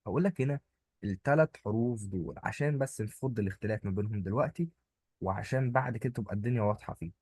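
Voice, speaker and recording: A man's voice: lowish voice, racing, darkish tone, breathy edge, dry recording. A man with an Egyptian Arabic accent teaching a language lesson in a playful, joking way, explaining with little stories. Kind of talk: informal online lesson.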